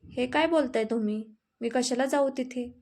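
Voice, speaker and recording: A woman voicing a spoiled, sharp-tongued young wife in a storybook reading, snappy and complaining. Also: high-pitched, normal speed. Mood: sulky.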